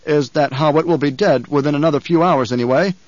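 A man acting out a scheming baron, nervous and obsequious before his emperor. He speaks slowly and a little louder, choosing every word with care. The audio is dry and slightly dull. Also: a little high, no echo, lightly acted. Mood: placating.

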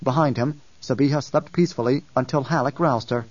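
A man narrating an audiobook in a steady, measured reading. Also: medium pitch, no echo. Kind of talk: scripted narration. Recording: dull distant dry recording.

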